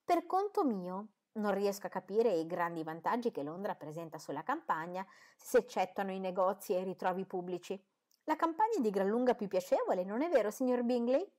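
This audiobook narrator plays a boastful, fussy middle-aged mother, speaking in an effusive, indignant way a bit higher and louder than her regular narration. She sounds animated and moves at an ordinary speed, with only light acting.

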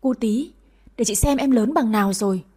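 A woman voicing a spirited young wife and older sister in an audio story, speaking in a husky, slightly high voice. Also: moderate pace. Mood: tearful. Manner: warm toward family, bossy when teased.

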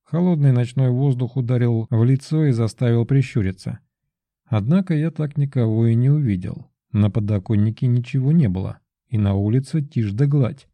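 A man narrating a fantasy audiobook in a measured, steady storytelling manner. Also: medium pitch, dry recording, muffled recording.

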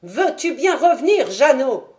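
Brief: woman playing a shrill, chatty working-class wife in a storybook reading, pitched high. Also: lively intonation, moderate pace, close to an everyday voice. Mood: scolding. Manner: loud, fussing and talkative.

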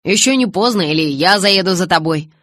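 A sarcastic, protective young man snaps his lines loud and biting, as a woman reads him in an audiobook. The voice is husky and sits low. It is recorded dry and close. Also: expressive, a little fast, no room sound. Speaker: audiobook reader. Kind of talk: audiobook character reading.

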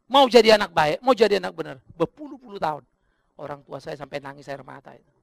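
A middle-aged Indonesian man preaching a sermon, swinging from loud emphatic bursts to low, confiding asides. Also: sing-song, fast talker, vocal fry. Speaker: pastor.

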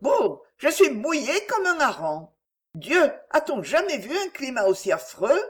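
An audiobook reader voicing an elegant lady with a soft, musical voice and ironic impatience. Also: mid-range voice, sing-song, unhurried, pitched above the performer's own voice.

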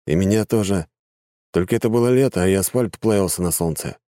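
A quiet, plain-spoken recruit, read by a male narrator close to his own voice, answering in short, low-key lines with a deep, dark tone. The recording is dry and close. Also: fairly quick, no room sound, close to an everyday voice.

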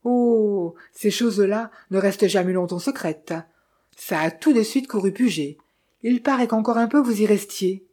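A chatty village innkeeper who loves passing on gossip, full of sly teasing and knowing asides, as a woman reads him aloud. The voice sits mellow and a little husky. It is an audiobook character voice. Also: mid-range voice, moderate pace, lightly acted. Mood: gossipy.

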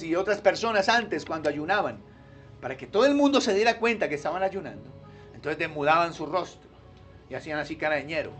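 A man preaching a sermon as pastor, emphatic, swinging from loud stress to quiet asides, in a church. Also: on the high side.

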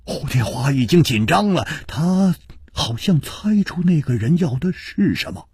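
A male storyteller recounts a martial-arts tale in a slow, deliberate pace with a husky voice. His pitch swings widely and dramatically. The sound is dry and close. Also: dry recording. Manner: dramatic, lively delivery.

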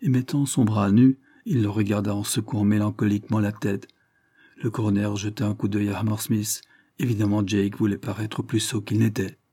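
Dark, husky male audiobook narrator. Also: on the low side, level tone, normal speed, no echo, clean studio sound. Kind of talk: scripted narration.

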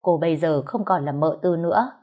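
A woman's voice: low-pitched, brisk, dull audio, lightly acted. Woman voicing a stern older housekeeper. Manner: stern, firm. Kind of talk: storytelling audiobook.

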